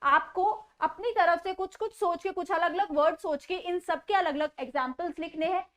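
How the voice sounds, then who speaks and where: A young woman teaching an online English grammar lesson, explaining in Hindi and reading English examples slowly and carefully. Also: extremely high pitch, a bit bright. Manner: mixes Hindi explanation with slow deliberate English.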